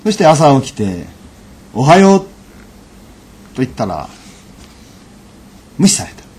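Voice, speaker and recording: Male lecturer with a mid-range voice, measured storyteller with lots of fillers and lively intonation. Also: mid-range voice, breathy edge. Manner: measured, unhurried delivery with frequent fillers.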